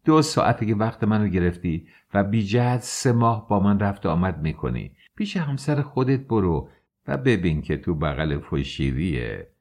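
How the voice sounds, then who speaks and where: A man voicing a bold, sharp-tongued young courtesan in an audiobook, speaking in a taunting way. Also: low voice, very animated, full character voice. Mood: furious.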